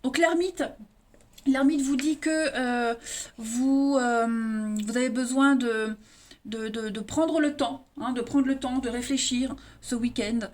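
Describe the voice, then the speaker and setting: A woman reads tarot cards for her viewers in a loose, chatty way. Her voice sits high, and she keeps stumbling into fillers and restarting her sentences. She talks to the audience as her friends. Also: fairly even intonation, slow, darkish tone. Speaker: tarot reader. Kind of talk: casual tarot reading for viewers.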